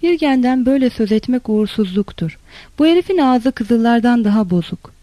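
A narrator voicing a frightened, sullen soldier who answers quietly and reluctantly, in an audiobook reading. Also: animated, fairly quick, dry recording, natural voice, low-quality recording. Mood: muttering. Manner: quiet, reluctant, low replies.

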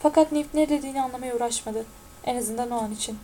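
A woman narrating an audiobook in a steady, even-toned reading. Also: a little high, fast talker, a little hiss or hum, poor audio.

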